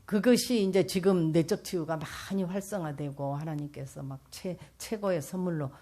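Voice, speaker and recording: An older woman from South Korea giving an earnest church testimony as a pastor's wife, speaking straight to the audience and swinging between loud and soft. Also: on the low side, normal speed. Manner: earnest, addresses the audience directly.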